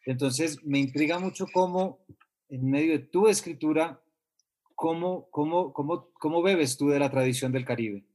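A man's voice: fairly high pitch, normal speed, darkish tone. A man from Colombia interviewing a writer, phrasing his questions tentatively with many repetitions.

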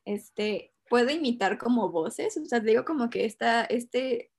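A woman's voice: on the high side, expressive, unhurried, darkish tone, husky. Hesitant young Mexican woman. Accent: Mexican Spanish. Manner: hesitant, many fillers and nervous laughs. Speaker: guest telling a personal story. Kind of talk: casual chat.

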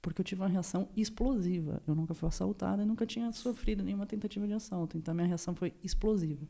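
A woman from Brazil talks as a guest on a casual podcast, telling a story from her life. She tells it with energy and acts out the people in it, changing her voice for each quote. Her voice sits at an ordinary middle pitch for a woman. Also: rapid-fire, gravelly, warm tone.

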